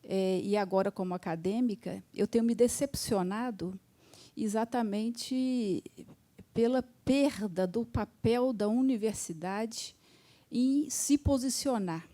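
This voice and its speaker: A woman's voice: on the high side, takes it slowly, warm tone. A woman in her fifties from Minas Gerais, a surgeon and literature student, earnestly asking a critical question from the audience. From Minas Gerais, Brazil. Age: 50s.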